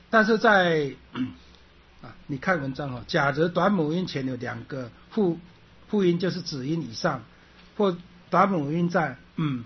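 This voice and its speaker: In a classroom lecture on Sanskrit, a man repeats his points, clears his throat often, and ends phrases with a drawn-out "ha." His voice is on the high side, and the recording's highs are cut off.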